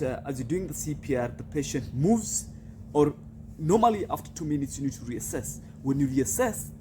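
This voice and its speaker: Male CPR instructor, fairly high voice with very lively intonation, explaining steps over clear background noise. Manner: instructional, emphasizes and repeats key points. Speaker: first aid instructor. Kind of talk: practical CPR lesson. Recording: clearly noisy recording with ambience.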